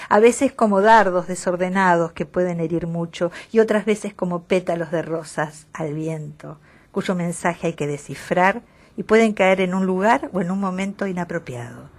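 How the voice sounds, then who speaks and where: A middle-aged woman, hosting a radio program and giving a scripted, didactic reflection on language that turns poetic at times. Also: lowish voice. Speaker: radio host.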